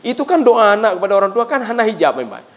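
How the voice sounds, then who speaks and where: Animated Acehnese preacher, high lively voice. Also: male voice, fast talker. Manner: lively, animated storytelling, often addressing listeners as "Pak". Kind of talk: sermon. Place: prayer room. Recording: dull lo-fi sound.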